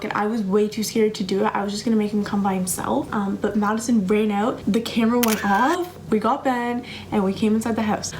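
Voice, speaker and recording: A young woman rattles through a story with excitable, swear-peppered energy. Her voice sits at a middle pitch, and a faint hiss runs underneath. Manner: fast, breathless, swearing storytelling. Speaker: vlogger. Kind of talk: casual storytime.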